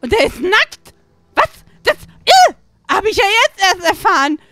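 A flustered, stammering young woman soldier with a very high, bright voice, as a woman plays her in a game role-play. She rambles, trips over her words and yelps in alarm. Faint music plays under her. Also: very animated, full character voice. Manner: flustered, stammering, quick to cry out. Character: excitable clumsy young woman soldier, chatty. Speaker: role-play player character.

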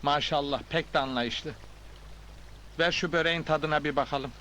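An actor playing a stubborn, dry-witted village bachelor who teases in a dry way, in a 1980s film comedy. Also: male voice, fairly high pitch, steady tone, moderate pace, pushed and bright, slight background noise. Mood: teasing. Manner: dry, teasing. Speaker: village man.

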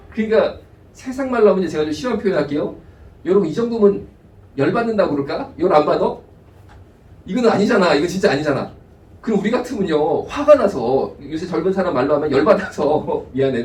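High-voiced preaching man in echoey hall. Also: distant mic. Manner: animated preaching, voices God and people in asides. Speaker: pastor. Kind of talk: sermon. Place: church sanctuary.

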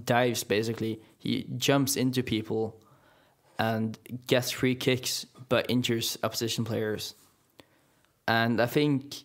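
A young man, chatting casually and rambling with many restarts and fillers. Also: mid-range voice. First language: Norwegian. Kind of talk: casual chat.

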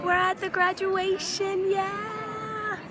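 A woman's voice: very high voice, little pitch movement, slow, very noisy. A woman, chatting casually and teasingly as she vlogs on a phone at arm's length. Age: 20s. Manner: playful, teasing. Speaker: vlogger. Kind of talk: casual travel vlog chat. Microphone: phone at arm's length on a selfie stick.

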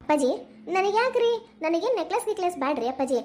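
A woman plays a tender young pregnant daughter in a family cartoon, pleading with her father in North Karnataka Kannada. Her voice is very high and the words come quickly, full of emotion. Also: sing-song, a little mellow. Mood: pleading, tearful.

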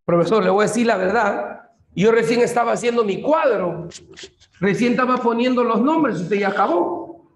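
A man's voice: high voice, moderate pace, natural voice. A man voicing an exasperated student who complains and pleads with the teacher, in a whiny tone and an echoey room. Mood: pleading.

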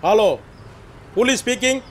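A brash boastful gangster. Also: male voice, very high-pitched, unhurried, heavy background noise. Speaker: gangster on the phone. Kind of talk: film comedy acting. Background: film music.

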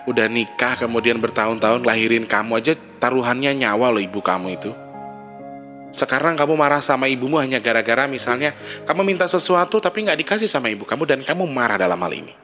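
A man's voice: medium pitch, fast, sharp tone, soft background music. Scolding man giving life advice. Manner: preachy, scolding, asks the listener questions. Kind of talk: casual advice monologue.

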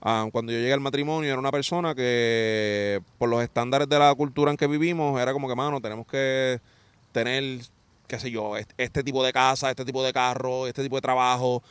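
This is a young man chatting on a podcast, mid-pitched with a smooth, resonant voice. He tells stories in lively street slang and acts out quotes. The sound is dry and close. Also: a little fast, dry recording. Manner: animated storytelling, acting out quotes, street slang. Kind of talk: casual chat.

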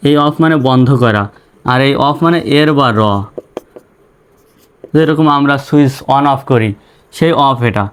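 A man with a Bangladeshi accent teaching English phonics, spelling out letters and then sounding each word in slow, patient drills. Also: mid-range voice, clear, resonant tone.

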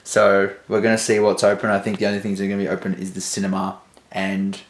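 A man's voice: low voice, completely flat delivery, fast. A young man chatting casually and cheerfully in a travel vlog, filming himself at arm's length. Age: young adult. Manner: chatty, upbeat, laughs between remarks. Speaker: vlogger. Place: streets, car and house, in and out of doors. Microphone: camera held at arm's length.

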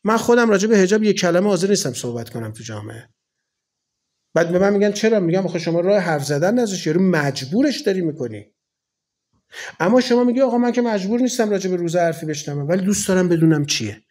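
A man's voice: high voice, expressive, a little mellow. A man in his forties from Iran, a cleric giving a colloquial, conversational sermon full of rhetorical questions. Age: 40s.

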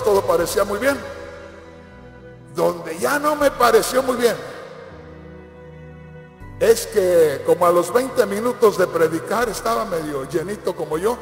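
A pastor preaches in a high, gravelly voice, telling stories and acting out the people in them. He is recorded in a church hall with a long echo. Soft music plays behind him. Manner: storytelling, acts out quoted voices. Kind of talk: sermon.

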